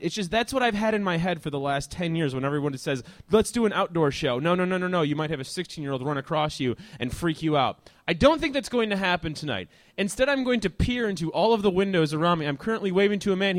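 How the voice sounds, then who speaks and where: Male host, high voice, loose rambling comic patter for a live outdoor crowd; dry close sound. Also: no echo. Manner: rambling, joking asides, sometimes shouting. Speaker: talk show host. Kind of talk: live stand-up style monologue to an audience. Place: outdoors at an evening show.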